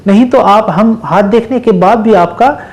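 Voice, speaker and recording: The audio is poor, and the man's voice sits high with a darkish tone at a normal speed. He's an astrologer and palmist invited onto a programme, offering instructive, emphatic guidance in an interview while mixing in English phrases.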